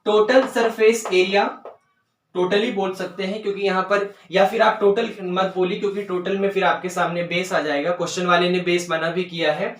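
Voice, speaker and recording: A man teaching a maths lesson step by step, often checking whether students follow and slowly dictating terms as he writes. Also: high voice, flat delivery, recorded from a distance. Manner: dictates English terms slowly while writing. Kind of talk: board-work maths lesson. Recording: roomy sound, voice away from mic.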